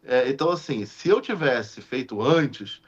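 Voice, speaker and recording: A man's voice: mid-range voice, a little slow, breathy edge. A man, a deacon and podcast guest, telling a story in casual conversation and acting out the dialogue with many restarts. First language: Portuguese. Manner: animated, acts out quoted dialogue, frequent restarts. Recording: slightly muffled lo-fi audio.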